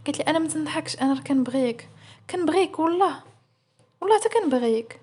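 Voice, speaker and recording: A woman's voice: sits high, expressive, rapid-fire, a little mellow. A woman with a Moroccan accent voicing a lovestruck young bride who talks earnestly and pleadingly.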